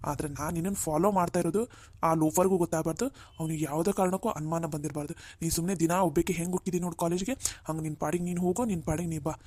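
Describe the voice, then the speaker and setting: A woman's voice: lowish voice, fairly even intonation, rapid-fire, darkish tone, natural voice. Woman voicing a protective cartoon older brother. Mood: reassuring. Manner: firm, reassuring, repeats "all right?". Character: protective older brother, young man, firm and caring. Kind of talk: cartoon voice acting.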